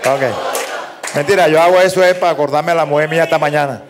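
This is a middle-aged man with a Colombian Caribbean coast accent, working a nightclub crowd as a stand-up comedian. His voice sits slightly high. His storytelling is crude and profane, and it breaks into loud bursts. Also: steady tone, quick pace, background noise. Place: nightclub stage.

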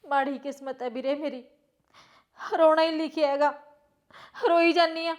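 An actress playing a tearful young wife who feels wronged by her household, speaking with a shrill, aggrieved voice. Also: moderate pace. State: crying. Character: tearful young wife threatening to leave home. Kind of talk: film drama dialogue.

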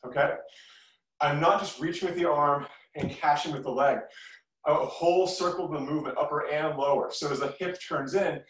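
A middle-aged man teaching a live kung fu class, giving short instructional commands and encouraging feedback. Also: a little high. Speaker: martial arts instructor. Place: medium-sized living room, indoors. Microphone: camera across the room. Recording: roomy echo, distant mic.

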